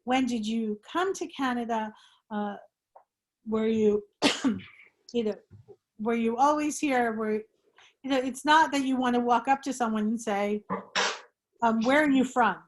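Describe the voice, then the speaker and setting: A woman hosts an online group discussion over a video call. Her voice sits a little high. She talks in a rambling, animated way and often restarts her sentences. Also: measured pace, long pauses. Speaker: discussion host. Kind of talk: casual talk to an online group.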